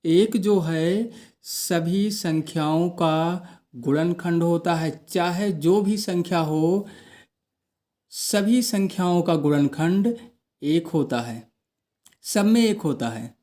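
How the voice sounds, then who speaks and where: A man's voice: fairly high pitch, slow, mellow. A man teaching a math lesson, posing questions to the class and answering them himself.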